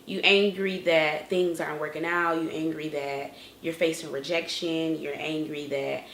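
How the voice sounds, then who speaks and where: A young woman shares an earnest faith testimony in a lowish, gravelly voice, often restarting her sentences. She is recorded in an echoey room with a faint hum of ambience behind her. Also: steady tone, unhurried, fairly bright tone. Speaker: vlogger. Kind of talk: inspirational faith vlog.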